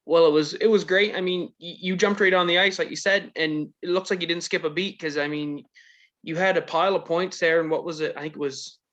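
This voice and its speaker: Higher-pitched man chatting, lo-fi sound. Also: fairly even intonation, fairly quick, fairly bright tone. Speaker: interviewer. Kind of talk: casual chat. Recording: dull lo-fi connection.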